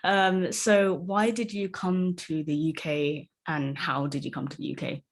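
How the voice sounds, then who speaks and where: A young woman hosts a casual podcast interview with her grandmother. She asks curious questions and gently prompts for more. Her voice sits a little lower than most women's. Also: level tone, unhurried. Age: young adult. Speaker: podcast host.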